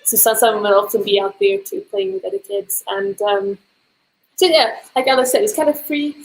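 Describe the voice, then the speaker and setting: A woman's voice: mid-range voice, normal speed, poor audio. A woman from Sweden who speaks natively, chatting casually and hesitantly, with small reactions. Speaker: guest. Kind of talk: casual chat.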